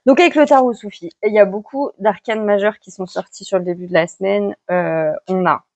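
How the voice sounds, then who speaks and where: Woman tarot reader, relaxed chatty delivery full of fillers, mid-pitched, dull lo-fi recording. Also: a little fast, no room sound. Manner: chatty and relaxed, with many fillers and self-corrections. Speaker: tarot card reader giving weekly guidance. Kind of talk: casual spoken vlog.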